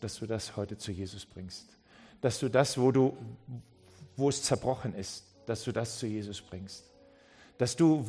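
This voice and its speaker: A man's voice: medium pitch, darkish tone, slightly rough. A man preaching a sermon with passion, often acting out the people he quotes. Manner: passionate, acts out quoted speech, many restarts.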